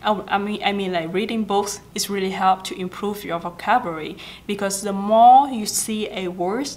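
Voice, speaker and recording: A young Vietnamese-accented woman in her 20s, a vlogger with a mid-range voice, gives casual talking-head advice on learning languages. She's chatty, gestures often, and uses frequent fillers and self-corrections. She's filming in a small indoor office with a plant.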